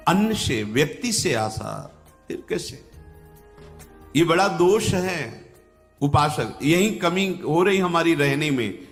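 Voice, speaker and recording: Slow, calm male spiritual teacher in reverberant hall. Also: medium pitch. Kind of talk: devotional sermon with recited scripture verses. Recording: long hall reverb, music behind. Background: background music.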